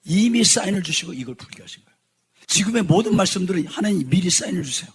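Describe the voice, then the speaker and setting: Fervent, husky-voiced Korean pastor. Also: male voice, high-pitched, animated, fast talker. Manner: fervent, swings from quiet to shouting. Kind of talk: sermon.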